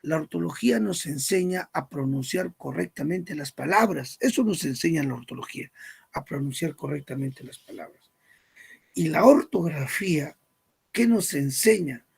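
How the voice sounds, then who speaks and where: A male language teacher lectures a class, posing questions and supplying the answers himself. His voice is gravelly and husky, with a fry in it, and sits fairly high for a man. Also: animated, normal speed. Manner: asks questions and answers them himself, stresses key words.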